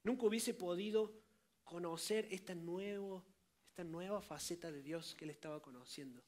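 High-voiced man preaching a sermon. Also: moderate pace, a little mellow. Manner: acts out scripture quotes in dramatic voices; colloquial asides, addresses listeners directly.

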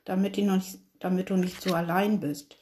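A woman's voice: mid-range voice, level tone, fairly quick, mellow, lightly acted. A woman voicing an eager, affectionate little preschool girl in a read-aloud story.

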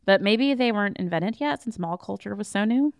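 A woman's voice: mid-range voice, animated, a little fast, creaky, smooth, no room sound, clean studio sound. A woman podcast host recapping a film plot in casual chat, with wry, sarcastic asides.

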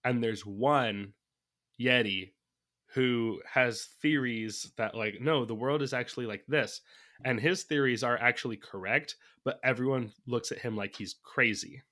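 Talking over a film with his podcast co-host, this man works through his notes out loud in a relaxed way, frequently breaking into laughter. His mid-range voice sounds pushed and bright, and he speaks a little slowly.

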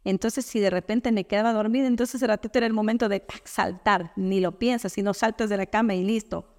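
Una mujer de Ecuador, invitada en una entrevista informal, que cuenta anécdotas con animación y recrea diálogos. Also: female voice, medium pitch, fairly quick, in a large hall. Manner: animated storyteller, quotes others in dialogue. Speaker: guest. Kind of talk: casual conversational interview.

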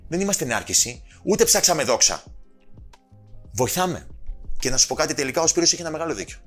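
A man's voice: a little high, sing-song, a bit bright, faint music behind. Passionate Greek-speaking man, emphatic. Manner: passionate, emphatic, swears freely, quotes people in changed voices. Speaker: podcast guest, personal trainer and author. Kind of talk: casual podcast conversation.

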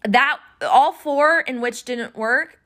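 A woman talks alone to her listeners in an earnest, heartfelt monologue. Her voice sits a little high and turns emotional, close to tears at times. She wanders, restarts and circles back as she speaks. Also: takes it slowly, fairly bright tone. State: tearful, emotional voice. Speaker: podcast host. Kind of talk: reflective personal monologue.

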